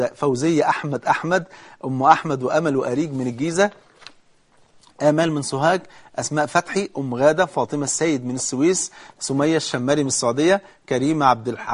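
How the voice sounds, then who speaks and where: A man with an Egyptian Arabic accent giving a religious talk, reading out a long list of names and offering prayers, rising to fervent emphasis. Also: on the high side. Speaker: preacher.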